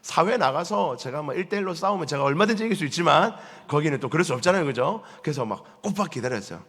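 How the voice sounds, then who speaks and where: A man's voice: a little high, animated, fast talker, a bit bright, slightly rough. A man, telling stories and acting out the voices of the people in them. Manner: storytelling, acting out voices of biblical figures and questioning the congregation. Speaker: pastor. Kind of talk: sermon. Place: church sanctuary. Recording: echoey church hall.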